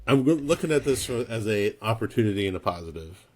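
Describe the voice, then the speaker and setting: A man with a deep, low voice talks easily as a podcast guest. He rambles through stories with plenty of laughter in between, relaxed and conversational. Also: fairly quick. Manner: chatty storyteller, laughs often. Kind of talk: casual chat.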